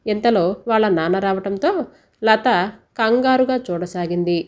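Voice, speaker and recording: A woman telling a scripted family story in a steady storytelling voice. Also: mid-range voice, unhurried.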